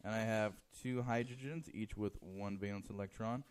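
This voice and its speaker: A man's voice: on the low side, fairly even intonation, normal speed, smooth. A man teaching chemistry in a classroom, joking with students and counting aloud as he draws. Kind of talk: classroom lecture.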